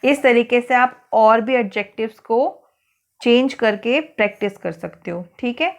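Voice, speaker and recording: A woman with an Indian accent, her voice on the high side and unhurried, teaches schoolchildren an English worksheet lesson. She speaks patiently and spells words out letter by letter.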